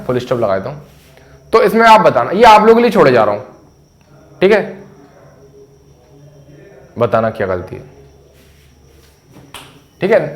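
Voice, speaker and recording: A fairly high-voiced man gives a casual English lesson. He chats and jokes with his class and says each word over and over so it sticks. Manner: chatty, jokey, repeats key words to drill them. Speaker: English teacher.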